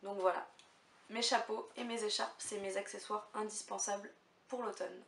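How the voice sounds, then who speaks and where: A woman's voice: medium pitch, fairly even intonation, moderate pace, vocal fry, a bit bright. A young woman vlogging casually to camera, chatty and hesitant, with lots of fillers. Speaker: beauty vlogger. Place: room at home. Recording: echoey room, mic far off, faint hiss.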